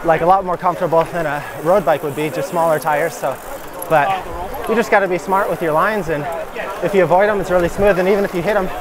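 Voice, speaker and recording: A Michigan cycling vlogger with a slightly high, steady voice speaks rapidly and informally while pedaling on a gravel country road outdoors. He sounds easygoing and enthusiastic, and crowd noise runs underneath.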